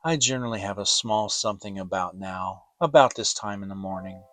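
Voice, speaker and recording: A man voicing a gentle, humble, slow-witted toy bear in a storybook, plaintive and hesitant. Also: on the low side, no echo, pitched below the performer's own voice, lightly acted. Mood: dreamy, wistful.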